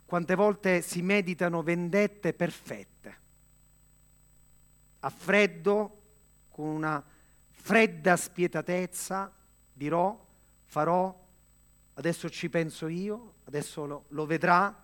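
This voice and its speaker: A man delivering a sermon in an earnest, measured way, with dramatic pauses and direct questions to the listener. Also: sits high, a bit bright. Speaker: preacher.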